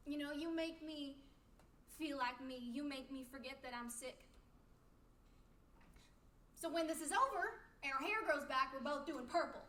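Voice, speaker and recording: A woman's voice: high voice, bright, forceful tone, a little hiss or hum, full character voice. A woman playing a young hospital patient, talking playfully and giggling to a friend behind a curtain. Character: young cancer patient, chatty and cheerful. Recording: echoey room from a distance.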